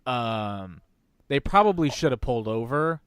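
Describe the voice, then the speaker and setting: Man, casual podcast co-host, hedging and slangy, mid pitch, smooth tone. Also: expressive, measured pace, fairly bright tone, no echo, studio quality. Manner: laid-back, hedging, slangy. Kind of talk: casual chat.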